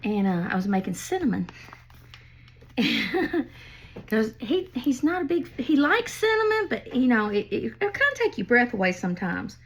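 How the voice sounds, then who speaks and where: At home, an older woman vlogs about crafts, showing a project while telling family stories in a folksy, chatty way. Her voice is on the high side and very animated yet unhurried, and she laughs at her own tales.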